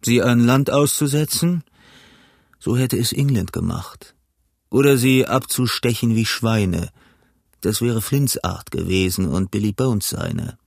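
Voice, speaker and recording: A cunning older pirate cook lectures his crew in a gruff, blustering voice, as a man reads him in an audiobook. The pitch sits mid-range for a man, and the recording is dry with no room sound. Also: unhurried, no echo. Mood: scheming. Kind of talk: audiobook reading.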